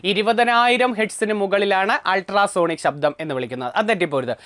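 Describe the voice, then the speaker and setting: A man's voice: sits high, quick pace, a bit bright, dry recording, clean studio sound. A man with a Malayali accent teaching an exam prep lesson, asking questions and repeating the answers to drill them in.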